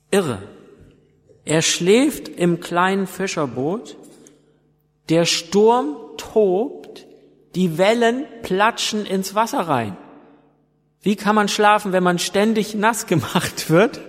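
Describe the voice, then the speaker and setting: A man preaching a sermon, retelling stories slowly and emphatically with dramatic pauses. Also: high voice, animated. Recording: long hall reverb.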